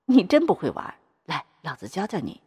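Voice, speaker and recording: A woman's voice: on the low side, wildly swooping pitch, normal speed, dark tone, slightly rough, big-room sound, exaggerated voice. A woman voicing a coarse, swaggering middle-aged male bank official in an adult audio story. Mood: mocking. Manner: vulgar, bossy, swaggering.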